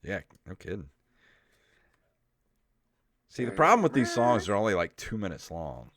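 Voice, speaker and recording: A middle-aged man with a lowish, very animated voice hosts a comedic podcast, chatting casually and reading aloud at normal speed. He rambles, swears and sounds mildly exasperated. Royalty-free synthesizer music plays under him, and a crowd can be heard in the background.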